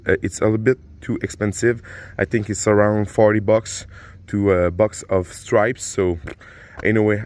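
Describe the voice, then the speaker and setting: A middle-aged native French speaker with a French accent hosts a car repair channel, casually demonstrating how to change coolant. His fairly low, slightly mellow voice is halting and full of fillers.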